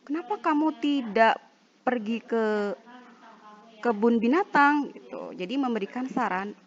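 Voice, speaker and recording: A woman with an Indonesian accent teaching an online English lesson, reading example sentences slowly and carefully. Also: fairly high pitch, lively intonation. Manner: slow, drawn-out example sentences. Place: at home. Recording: dull lo-fi home recording.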